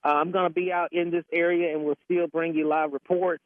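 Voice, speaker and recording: A man giving a live severe weather report from the field in a halting way, correcting himself as he goes. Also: on the high side, little pitch movement, no echo, phone-quality sound. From Alabama, United States. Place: outdoors in a windy residential area.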